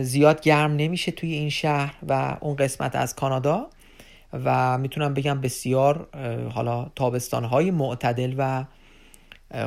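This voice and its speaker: A man giving an unscripted informational talk to viewers as an advisor, addressing them as friends and pausing often on fillers. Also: medium pitch, vocal fry, darkish tone. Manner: unscripted explaining with many filler pauses.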